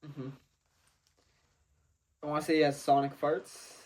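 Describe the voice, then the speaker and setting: A man's voice: on the high side, flat delivery, measured pace, a little mellow. A young man co-hosting a podcast, answering in a hesitant way with many fillers. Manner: hesitant, lots of ums, laughs along. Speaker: podcast co-host. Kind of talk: casual comedic chat.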